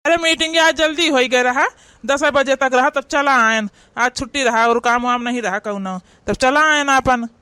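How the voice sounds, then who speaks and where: Awadhi cartoon brother, woman voicing him, calm and reassuring, really high smooth voice. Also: moderate pace, no room sound. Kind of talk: cartoon voice acting.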